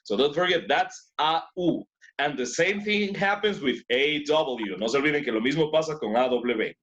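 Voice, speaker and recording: A man's voice: on the high side, expressive, measured pace, a bit bright, dull audio, a little hiss or hum. A man teaching an English class in two languages, who repeats words and keeps praising his students. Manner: switches between two languages to explain.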